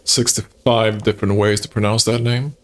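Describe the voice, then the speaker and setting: A man's voice: fairly low pitch, little pitch movement, normal speed. A man streaming a horror game, talking casually and enthusiastically to his viewers with chuckles. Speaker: gaming streamer. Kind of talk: casual gameplay commentary.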